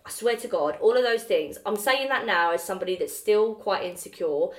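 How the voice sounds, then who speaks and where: A young woman co-hosts a podcast in a casual chat, speaking fairly quickly in a mid-range voice. She's an animated storyteller who swears freely and acts out quotes. The recording carries a roomy echo.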